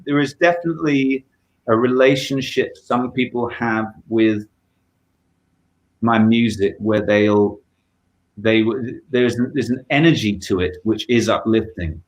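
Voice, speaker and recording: A man's voice: medium pitch, steady tone, unhurried, rough recording. Reflective male music guest. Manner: reflective, thoughtful, hesitant restarts. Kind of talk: casual interview chat.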